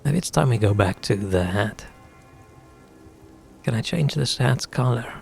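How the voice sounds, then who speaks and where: A man's voice: mid-range voice, expressive, a little slow, creaky, darkish tone, faint music behind. A man streaming a video game, chatting casually and thinking aloud as he plays. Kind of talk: casual gaming commentary.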